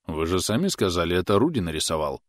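A calm, sly working father, voiced by a male narrator, deadpan and unhurried. His voice sits very low, and the recording is dry and close. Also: dry recording.

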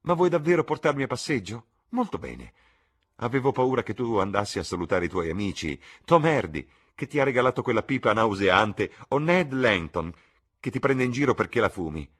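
A man's voice: medium pitch, sing-song, slightly rough, pitched above the performer's own voice. A man voicing a bubbly teasing young actress. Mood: eager. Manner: bright, teasing, quick bursts.

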